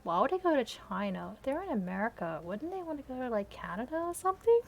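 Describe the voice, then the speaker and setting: A woman's voice: high voice, very animated, fast, creaky. A woman reading her old fan story aloud, stopping often to mock it with sarcastic, sweary asides. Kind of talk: reading aloud with mocking commentary.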